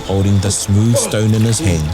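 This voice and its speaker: A man with a New Zealand accent narrating a scripted story in a deliberate, dramatic way. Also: fairly low pitch, animated. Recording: narration over loud music.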